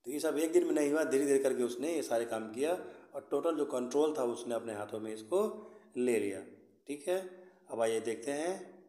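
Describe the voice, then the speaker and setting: A man's voice: medium pitch, lively intonation, normal speed, warm tone. Hindi-speaking male history teacher, echoey room. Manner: repeats "theek hai", mixes English words. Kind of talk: explanatory lesson.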